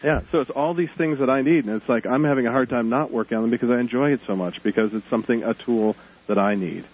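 A man's voice: medium pitch, fast talker, husky. A man calling in to a radio show, chatting casually and enthusiastically. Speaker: radio call-in guest. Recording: muffled phone call, faint noise.

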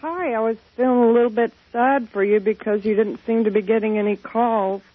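A man's voice: high voice, fairly even intonation, fairly quick, no room sound. A man chatting casually as a caller to a radio show. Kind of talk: casual chat. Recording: tinny phone line.

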